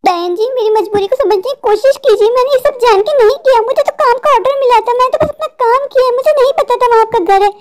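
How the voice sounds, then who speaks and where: A woman's voice: very high-pitched, fast talker, few pauses, a little mellow. A woman voicing a frightened, complaining husband in a cartoon, talking in a fretful, panicky way. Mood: pleading. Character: frightened, whiny adult husband, mall owner. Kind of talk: cartoon voice acting.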